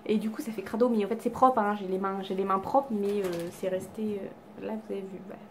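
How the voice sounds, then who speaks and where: A woman's voice: mid-range voice, fairly even intonation, a little fast, slight background noise. A woman chatting casually to camera about her makeup haul, self-deprecating and full of fillers and restarts, at home. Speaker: beauty vlogger. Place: home with cats around.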